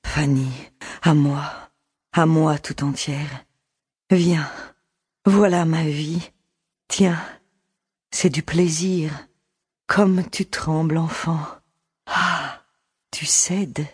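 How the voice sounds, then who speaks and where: A woman's voice: low voice, fairly even intonation, very slow, long pauses, husky, full character voice. A woman voicing an ardent, domineering aristocratic countess in an audiobook drama, with a coaxing, intimate, possessive manner. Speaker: audiobook voice actor.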